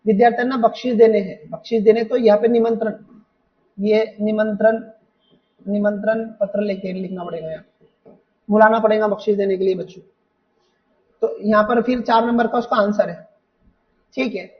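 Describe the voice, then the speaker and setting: A male teacher with a high voice goes through exam questions, repeating each point and asking his students rhetorical questions. He sounds a little away from the mic, and the recording is muffled and dull. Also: steady tone, normal speed, pauses often, recorded from a distance. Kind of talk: exam paper walkthrough lesson.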